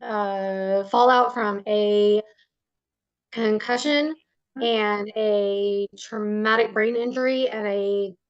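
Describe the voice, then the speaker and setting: A woman giving polite sworn testimony as a witness, halting, with long pauses. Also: mid-range voice, fairly even intonation, clean tone, no echo. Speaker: witness, parent in child support case. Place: court hearing over video call. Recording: slightly dull video call audio.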